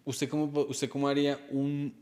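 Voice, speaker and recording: Male podcast host, mid-pitched, playful storyteller. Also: level tone, a little mellow. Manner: quick, joking, storytelling. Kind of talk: casual podcast chat.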